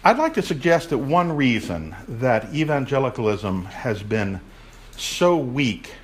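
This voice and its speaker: A man with a mid-range voice lectures a room of listeners on church history, very animated yet a little slow. Raised in a Baptist family, he projects to the audience and poses questions to them.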